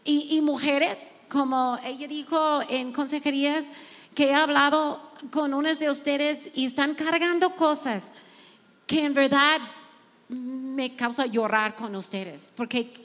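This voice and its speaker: A woman's voice: high voice, fairly even intonation, a little slow, fairly bright tone, long reverb tail. A woman pastor, not a Spanish speaker, sharing heartfelt testimony and reading scripture to other women. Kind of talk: sermon-style sharing.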